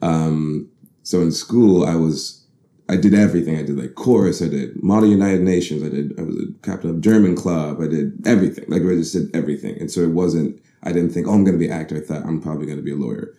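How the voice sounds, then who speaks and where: Being interviewed in a roomy, echoing space, this actor in his thirties from the Bahamas talks fast in a very deep, dark voice. He recounts his story with care, correcting himself frequently and laughing readily.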